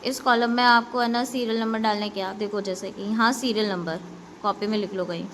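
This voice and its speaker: A woman's voice: mid-range voice, fairly even intonation, brisk, fairly bright tone, a little hiss or hum. A woman teaching a basic computer lesson to schoolchildren, repeating points and often checking that they follow. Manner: repetitive, keeps checking understanding with "ok"; addresses pupils directly with instructions. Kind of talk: classroom lesson explaining basics to children.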